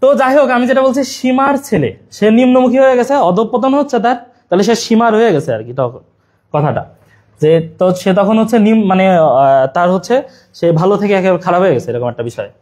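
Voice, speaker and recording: A man's voice: high voice, lively intonation, fast talker, a little mellow. A young man leads an exam-prep lesson. He talks to his students in a chatty way and builds playful memory tricks into the teaching.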